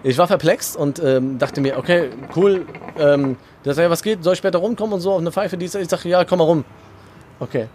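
A man's voice: on the high side, fairly quick, a little mellow, a little hiss or hum. A young man co-hosting a podcast, telling a long story in casual chat, rambling with many fillers and acting out quoted dialogue. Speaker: podcast co-host.

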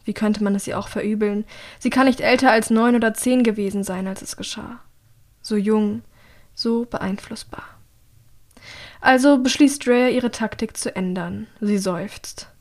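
A woman narrating an audiobook in a calm, measured storytelling voice. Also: medium pitch. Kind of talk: scripted narration.

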